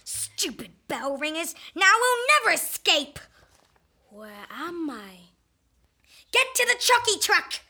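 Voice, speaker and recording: A woman plays a frantic storybook villain who yells and squeals with a high, bright voice that leaps all over the place. The delivery is drawn-out and theatrical. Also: expressive, slightly rough, exaggerated voice. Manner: exaggerated, shouty character reading.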